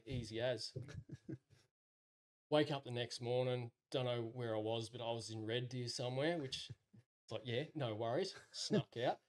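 Australian bloke spinning a casual yarn. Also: male voice, mid-range voice. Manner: laid-back larrikin storytelling with rural slang, often chuckling. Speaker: podcast guest. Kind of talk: casual spoken anecdote.

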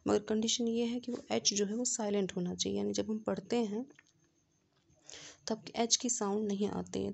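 A woman teaching an English grammar class, explaining the rules step by step and checking understanding with questions, reading each English example out slowly. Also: mid-range voice, vocal fry, a little mellow.

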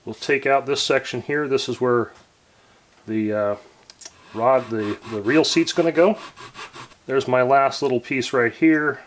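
A man in his forties hosting a casual workshop tutorial, talking in a relaxed, rambling way with many fillers and restarts, recorded in a home workshop on a camera a few feet away. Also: medium pitch, measured pace, long pauses. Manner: relaxed and rambling, lots of fillers and self-corrections. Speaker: woodworking channel host.

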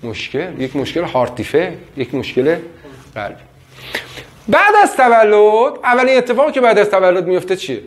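A man's voice: high voice, very animated. A man giving a classroom lecture, quizzing his students with frequent questions.

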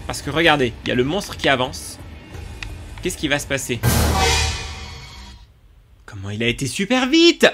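A man giving excitable let's play commentary, talking to his viewers as he plays, with sudden yelps. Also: normal speed, long pauses, music in the background. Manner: excitable, talks to viewers while playing; sudden yelps and jumps in pitch. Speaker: gaming YouTuber.

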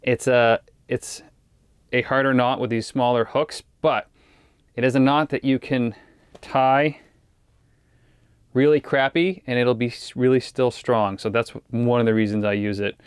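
Sitting in a small shelter on a frozen lake, a man ice fishing talks to his viewers in a relaxed, wandering vlog style, facing an action camera. His medium-pitched voice barely moves and comes a little slowly. The recording is dry and clean, with a studio-like clarity.

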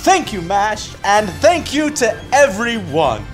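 A woman voicing an excitable, boyish alien puppet in a children's show, dramatic and exclamatory with nervous stammers. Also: medium pitch, takes it slowly. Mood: excited. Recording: music behind the voice.

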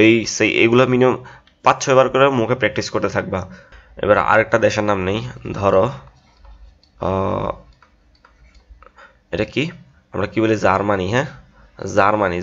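A man teaching an English pronunciation lesson in a casual classroom way. He drills each word aloud and keeps adding a quick "yes". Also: on the low side, steady tone. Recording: dull lo-fi recording.

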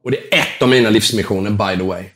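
Man, low voice, guest on a casual interview, animated storyteller, acts out dialogue, mixes in English words, swears casually. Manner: casual, swears now and then. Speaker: entrepreneur guest. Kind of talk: animated anecdote telling.

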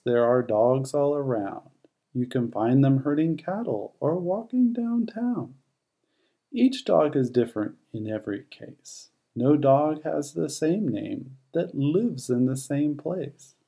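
This medium-pitched, creaky male voice reads a rhyming children's picture book with expressive, unhurried storytelling.

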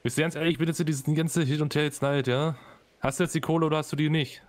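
A man's voice: a little high, steady tone, quick pace. A man playing a gang leader in a roleplay, blunt and threatening. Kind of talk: in-character roleplay.

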